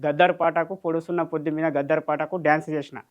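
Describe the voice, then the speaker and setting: A man's voice: fairly high pitch, flat delivery, fast, muffled recording. A man with a Telangana Telugu accent answering interview questions, insistent and defensive, repeating his points. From Telangana, India. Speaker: social media entertainer, interview guest.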